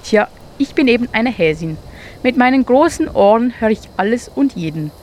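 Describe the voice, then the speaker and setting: A woman's voice: medium pitch, animated, moderate pace, slight background noise, lightly acted. A woman voicing a proud, cheerful female hare who teases her friend in a told animal story. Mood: proud, teasing. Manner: teasing, proud.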